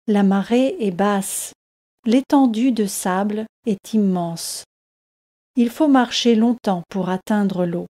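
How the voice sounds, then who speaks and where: A woman narrating a story for language learners in a calm, evenly paced, scripted reading. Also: mid-range voice, takes it slowly.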